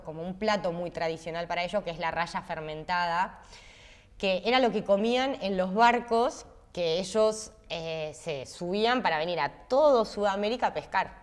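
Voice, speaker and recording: Argentine woman chef telling lively stories. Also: lowish voice. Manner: animated, acts out her own past thoughts in quotes. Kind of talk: interview storytelling.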